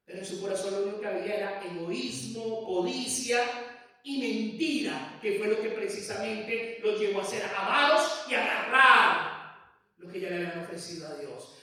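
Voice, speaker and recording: Male pastor, very high voice, emphatic sermon, church echo. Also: pushed and bright. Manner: emphatic preaching, addresses congregation directly. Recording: echoey church from far off.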